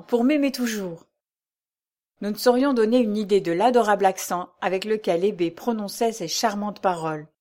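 A woman narrating a classic novel aloud in a measured, even storytelling manner. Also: medium pitch.

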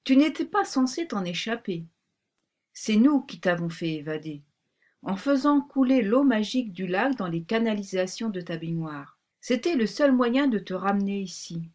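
A woman reading a storybook aloud voices a bossy talking pink rabbit, pitching it a little above her own voice. The lightly acted delivery is brisk and commanding with a secretive edge, in a mid-range, expressive, darkish tone.

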